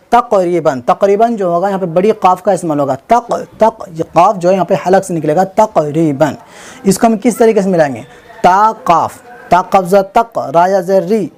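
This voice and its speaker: A man teaching Urdu script online, spelling out each word slowly letter by letter and checking in often with the viewer. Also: sits high, a little mellow. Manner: slow spelling out letter by letter, repeating words; informal, self-correcting, many "theek hai na" check-ins. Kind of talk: online writing lesson.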